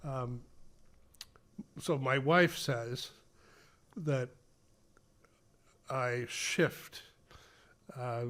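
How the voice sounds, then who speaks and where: Slow-talking older man with Ipswich accent. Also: mid-range voice, a bit bright. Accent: Ipswich, Massachusetts. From Massachusetts, USA. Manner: rambling, self-deprecating, chuckling. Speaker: podcast guest. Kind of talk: casual conversation.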